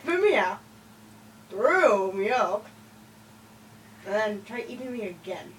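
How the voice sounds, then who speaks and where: A woman's voice: medium pitch, big pitch swings, slow pace, far from the mic, a little hiss or hum. A woman putting on a home puppet show, playful and giggly.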